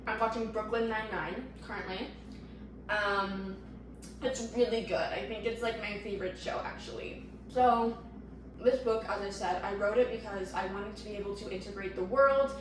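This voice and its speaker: A woman's voice: medium pitch, background noise. Teen girl, sick, rambling self-deprecating home vlog chatter, far from the mic in a very echoey room. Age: teens. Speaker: vlogger. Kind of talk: casual vlog talk to camera.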